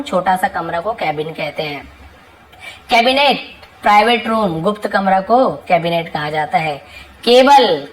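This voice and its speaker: A woman teaches English words one by one, speaking each word slowly and then repeating its meaning with patience. She has a voice of middling pitch and the easy, steady pace of a tutor talking through a word list. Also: rough recording. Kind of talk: reading a word list with Hindi explanations.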